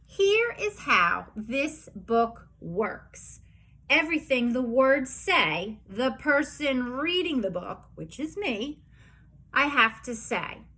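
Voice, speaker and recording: High, bright-voiced woman teacher, playful. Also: very animated, slow, slightly rough. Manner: playful, mock-outraged protests. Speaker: preschool teacher. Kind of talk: reading a storybook aloud to young children.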